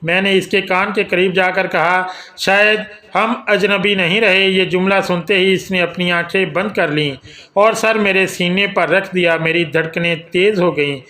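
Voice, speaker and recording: A man telling a romantic audio novel in the first person, in steady, scripted storytelling. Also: high voice. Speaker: narrator.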